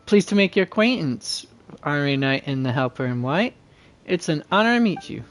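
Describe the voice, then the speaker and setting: A man hosting a game livestream reads dialogue aloud and comments casually, frequently stumbling and correcting himself, with game music behind him. His voice is on the high side, very animated and brisk.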